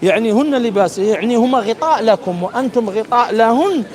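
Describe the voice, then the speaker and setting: A man's voice: very high voice, expressive, brisk, a crowd in the background. A man preaching in a religious debate, insistent and often repeating his phrases.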